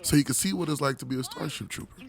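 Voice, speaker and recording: A man recovering from illness, his voice hoarse and mid-range, races through a casual, rambling game review full of restarts and laid-back slang.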